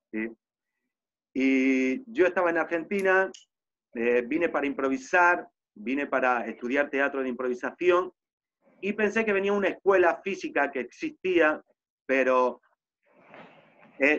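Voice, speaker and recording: A man's voice: mid-range voice, a bit bright. Theatrical Spanish man teaching over a call. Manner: theatrical, with rhetorical questions. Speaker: storytelling teacher. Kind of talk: online class, storytelling. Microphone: video call. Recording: muffled video-call audio.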